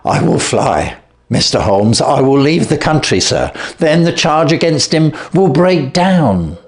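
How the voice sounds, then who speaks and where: Man voicing a frightened, begging thief. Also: measured pace. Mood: pleading. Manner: shrill, begging, then steady confession. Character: desperate male hotel thief, pleading and frightened. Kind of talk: reading a classic story aloud.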